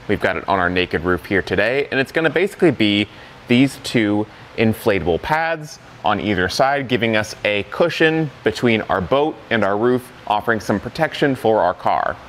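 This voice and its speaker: A young man with a fairly low voice reviews a product in an indoor studio bay, plainly walking through the demo detail by detail. He's candid about where it falls short. There's slight background noise.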